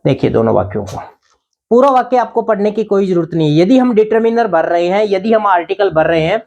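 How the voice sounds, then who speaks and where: A man's voice: high voice, a little mellow, lo-fi sound. Guy teaching grammar class, asks his own questions then answers em, keeps checking "thik hai na". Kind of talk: grammar lesson.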